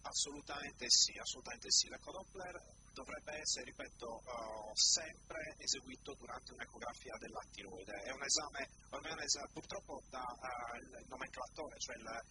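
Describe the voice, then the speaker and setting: A man's voice: medium pitch, huge pitch swings, normal speed, hardly any pauses. A man speaking as a medical expert, explaining carefully and didactically to a caller, often repeating and rephrasing key phrases. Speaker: doctor, studio guest expert. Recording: very noisy broadcast audio.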